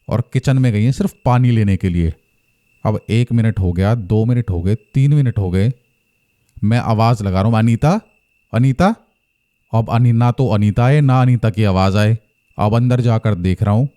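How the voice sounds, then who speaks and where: A man telling his own ghost story in a casual, earnest way, slowing down at the tense moments. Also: on the low side, warm tone. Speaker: horror storyteller. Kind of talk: casual first-person storytelling.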